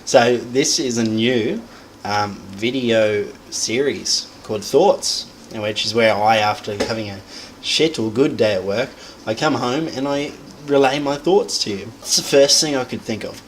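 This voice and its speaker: A man's voice: medium pitch, a little slow, a little hiss or hum, poor audio. A young man, talking casually and crudely at home for his vlog, swearing and muttering as he browses. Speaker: vlogger. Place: home room.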